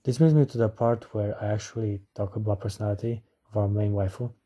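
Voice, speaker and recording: A man's voice: fairly low pitch, steady tone, quick pace, dark tone. A man narrating a scripted review as an anime reviewer.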